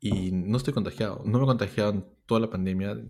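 An easygoing man co-hosts a podcast, chatting casually and agreeably. His voice sits on the low side. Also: fast talker, a little mellow. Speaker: podcast co-host. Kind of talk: casual chat.

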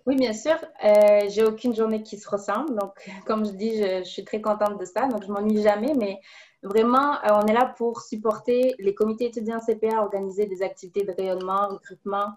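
Woman, 20s, interview guest, upbeat, clear explaining, many fillers. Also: medium pitch, steady tone, a little fast, darkish tone. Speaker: guest, professional order student advisor. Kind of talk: interview answers.

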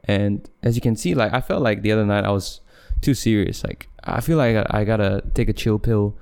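A man's voice: fairly low pitch, fairly quick, creaky, darkish tone, clear, resonant tone. A young man from Malaysia hosting his own podcast, rambling casually, correcting himself and laughing often. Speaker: podcast host. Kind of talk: casual solo podcast chat. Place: home room, camera set back.

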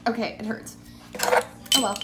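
A woman's voice: a little slow, heavy background noise. Young woman, casual chat, giggly and upbeat, roomy echo. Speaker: co-host of a cider tasting show.

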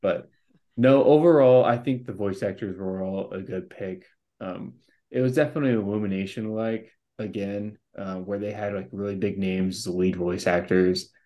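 A man's voice: lowish voice, fairly even intonation, normal speed, mellow. A man co-hosting a podcast, chatting casually and rambling with many fillers and restarts. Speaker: podcast co-host. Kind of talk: casual chat.

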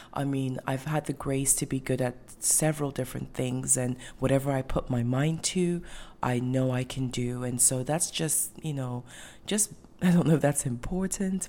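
A woman's voice: rumbling low, darkish tone. A woman from Ghana hosting a faith podcast, talking earnestly and with many ums and restarts. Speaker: podcast host. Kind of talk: casual faith podcast monologue.

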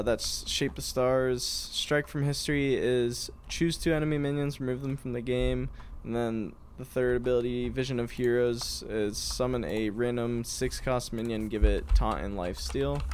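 A man's voice: medium pitch, a little hiss or hum. A man co-hosting a gaming podcast, chatting casually and agreeably. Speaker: podcast co-host.

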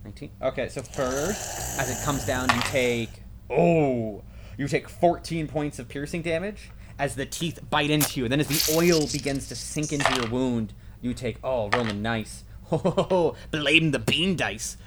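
A man's voice: mid-range voice, moderate pace, heavy background noise. A man narrating as game master in a casual tabletop session, correcting himself as he goes. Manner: casual, self-correcting, laughs at own jokes.

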